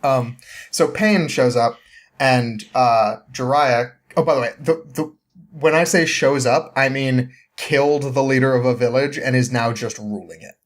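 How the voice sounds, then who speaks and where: A young man with a mid-pitched voice, a podcast guest, recaps a story in a loose, rambling way, talking a little slowly. He keeps it casual and often breaks into chuckles.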